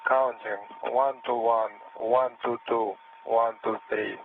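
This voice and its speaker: A man's voice: mid-range voice, steady tone, takes it slowly, vocal fry, a little hiss or hum. A man on a crew radio voice check, speaking in clipped radio procedure over a tinny comm link.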